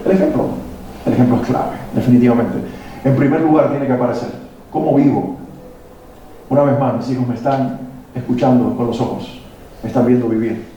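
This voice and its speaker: Male speaker for a parenting workshop: very warm dark voice, lecturing with rhetorical questions, boomy hall sound, mic set back. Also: a little fast, long pauses, highs cut off. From Latin America. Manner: preachy, poses rhetorical questions to the audience. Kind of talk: motivational talk to parents. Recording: very echoey hall, mic at a distance, faint noise.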